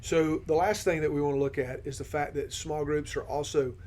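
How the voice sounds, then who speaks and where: A man on a ministry team who guides a podcast discussion, affirming his partner and posing questions in a steady manner. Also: a little high, fairly quick. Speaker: discipleship ministry team member leading the discussion.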